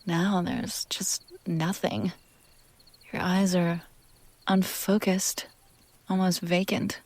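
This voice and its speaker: In an intimate scripted audio roleplay, a woman voices a possessive, teasing demon, stretching out her phrases theatrically and letting them sink toward whispers. Her voice sits lowish with a darkish tone and a flat delivery, and there's no echo. She sounds musing and probing.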